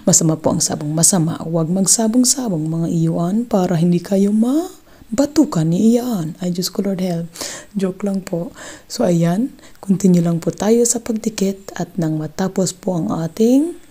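A woman's voice: fairly low pitch, animated, measured pace, mellow, breathy edge. A middle-aged woman hosting a craft tutorial, chatty and teaching step by step with playful joking asides. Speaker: craft video host.

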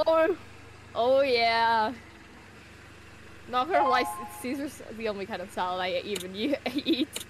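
A young woman chatting casually while playing an online game with a friend, excitable and loud when in trouble. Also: on the high side, measured pace, long pauses, noisy background. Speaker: game streamer. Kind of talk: casual gameplay chat. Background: game music.

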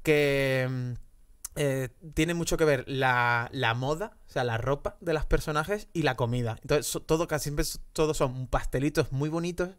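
A man, co-hosting a podcast and telling a rambling, animated story full of fillers. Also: mid-range voice, moderate pace, clear, resonant tone. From Spain. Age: 30s. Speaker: podcast co-host. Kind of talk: casual chat.

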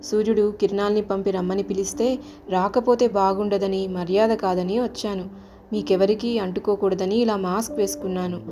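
A sorrowful male planet Mars, as a woman storyteller puts him on, slow and tearful, in a mellow, soft-toned storybook voice. Faint music plays under the telling. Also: medium pitch, steady tone, lightly acted. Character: sad frightened male planet Mars, wearing a mask.

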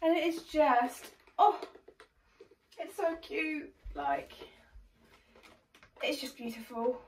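A young woman with an English accent chatting through a clothing haul in a bubbly, energetic way, filmed at home under a ring light. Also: high voice, slow pace, slight background noise, poor audio. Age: young adult. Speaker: vlogger. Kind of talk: casual haul vlog.

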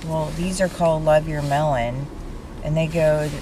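A young woman chatting casually in a parked car, animated and swearing freely, picked up by a dashboard camera. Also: deep voice, a little slow. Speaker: friend. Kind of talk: casual chat. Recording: noisy car interior.

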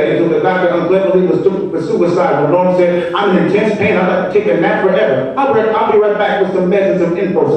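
A young man performing a spoken word poem with a rhythmic, chanted refrain, heard over a video call from a stage in a large hall. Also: a little high. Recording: far-off echoey lo-fi video call audio.

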